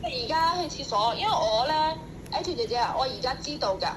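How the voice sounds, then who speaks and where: Insistent high-voiced woman employer. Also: animated, brisk, background noise. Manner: insistent, repetitive. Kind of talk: complaining phone call.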